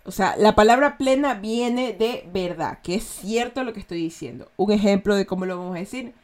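A woman's voice: medium pitch, moderate pace, darkish tone. Chatty Ecuadorian woman teaching slang. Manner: chatty, checks in with "¿ya?" often. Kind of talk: casual slang lesson.

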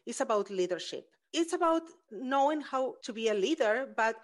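A woman's voice: a little high, animated, moderate pace. A woman hosting an interview, English is not her first language, speaking in an earnest, reflective way. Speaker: host. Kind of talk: interview conversation.

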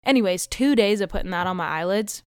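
A young woman podcast host, chatty and rambling, stuffy nose, clean smooth voice, dry close sound. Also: medium pitch, animated, fast talker, dry recording. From United States. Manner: chatty, rambling, self-laughing. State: winded and a little stuffy. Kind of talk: casual solo podcast chat.

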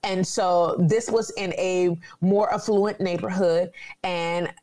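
A woman's voice: fairly low pitch, steady tone, slow pace, mellow. A woman in her forties from California, speaking earnestly and reflectively in a conversational interview. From Sacramento, California.

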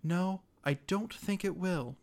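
A man voicing a kind, resolute woman in a dramatic story, speaking in a gentle, earnest and composed way. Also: high voice, slow pace, pitched above the performer's own voice. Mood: knowing, assured. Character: resolute, kind woman, a newly dead mother.

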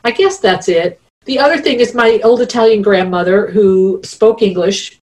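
A woman's voice: medium pitch, normal speed, darkish tone, far from the mic. A middle-aged woman, a network researcher, talking in a reflective, chatty way with many fillers as a podcast guest over a video call. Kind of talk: casual interview talk. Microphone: remote video call.

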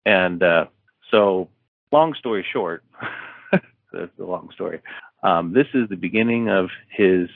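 A man with a very low voice talks casually as an interview guest, restarting sentences and filling pauses. The sound is dry and narrow, like a phone call. He tells a story at an easygoing pace. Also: creaky, dry recording. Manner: rambling with many fillers and restarts, acting out dialogue. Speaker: author guest.

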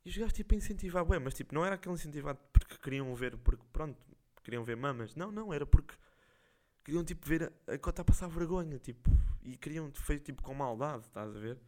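A young man with a European Portuguese accent, hosting a podcast and telling stories casually in slangy, animated, jokey speech. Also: fairly high pitch, quick pace. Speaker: podcast host. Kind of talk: casual storytelling.

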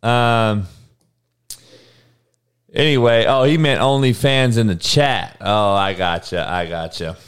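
A man in his forties hosts a podcast livestream, speaking in a lowish, smooth voice at a slow pace with frequent pauses. He chats loosely with viewers, rambling, swearing a lot and responding to the chat.

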